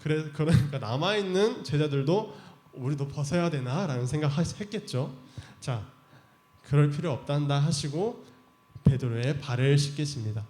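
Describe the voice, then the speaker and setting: A man, a youth pastor, telling a Bible story to teenagers in a chatty, animated way and acting out the characters. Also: on the high side, moderate pace. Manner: animated retelling that acts out the characters' voices, chatty. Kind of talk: storytelling sermon for teens. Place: church. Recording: echoey church room.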